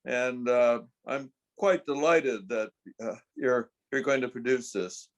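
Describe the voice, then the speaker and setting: A man's voice: medium pitch, slow. A man in the audience sharing an earnest point of view, taking his time to get to it. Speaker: audience member. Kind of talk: asking a question at a Q&A.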